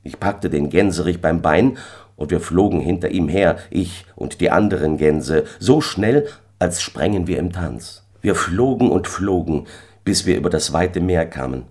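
A man narrating an old-fashioned tale in an expressive storytelling manner. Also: sits low, normal speed, slightly rough. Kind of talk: storybook reading.

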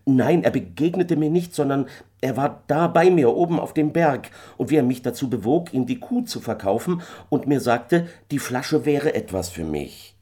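A man's voice: medium pitch, lively intonation, moderate pace, mellow, husky, pitched above the performer's own voice. A man voicing a hesitant, pious poor farmer in a fairy tale, talking in a pleading way. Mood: placating.

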